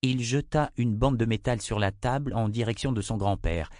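A man reading a fantasy novel aloud in steady, measured scripted narration. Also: mid-range voice, no echo, studio quality. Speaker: audiobook narrator.

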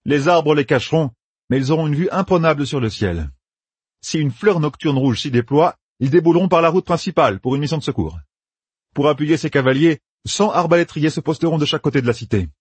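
Brash young schemer, voiced by a man: high, loud, bossy, rattling off orders. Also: lively intonation, husky, no echo. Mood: commanding. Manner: bossy, emphatic, rapid-fire planning.

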